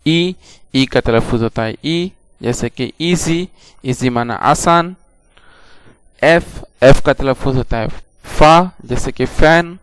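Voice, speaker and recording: Slow, clear-voiced male language teacher. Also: medium pitch, dry recording. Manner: patient, repeats each letter and example. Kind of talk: slow, deliberate classroom instruction.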